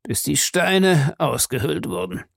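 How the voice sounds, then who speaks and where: A cruel old man gloats with slow relish over the torments of the past, as a male audiobook narrator puts him on. His voice sits higher than the narrator's own and has a gravelly crackle. The sound is close and dry, with no room in it. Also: very animated, no echo, exaggerated voice. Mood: gloating. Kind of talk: audiobook character voice.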